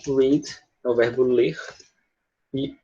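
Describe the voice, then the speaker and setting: A man's voice: mid-range voice, fairly even intonation, slow, slightly rough, muffled recording. A man teaching an English class online, explaining patiently and often checking in with his students.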